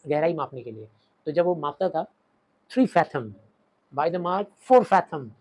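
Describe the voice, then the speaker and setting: A man's voice: on the high side, dull audio. Indian man teaching a story aloud. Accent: Indian English. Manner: acts out quoted lines loudly, drops to quiet asides. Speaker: English literature teacher. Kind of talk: explaining a story in Hindi lecture.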